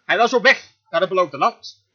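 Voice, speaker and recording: Guy with a really high bright voice doing an emphatic sermon voice-over, lots of amens. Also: expressive, normal speed, breathy edge, highs cut off. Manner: emphatic preaching, frequent amens. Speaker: sermon interpreter.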